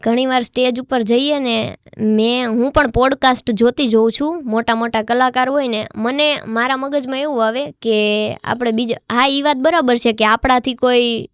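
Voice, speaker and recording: A young woman folk singer tells stories in a relaxed podcast chat, lively and repeating herself for emphasis. Her voice sits a little high and sounds clear and smooth. The studio mic gives a close, dry sound. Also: moderate pace, few pauses, no room sound. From Gujarat. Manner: chatty, animated, repeats phrases for emphasis. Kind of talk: casual storytelling interview.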